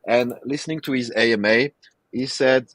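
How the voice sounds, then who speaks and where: A man's voice: mid-range voice, steady tone, moderate pace, fairly bright tone, no room sound. A man hosting a podcast in casual chat, talking with rambling enthusiasm and many fillers. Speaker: podcast host.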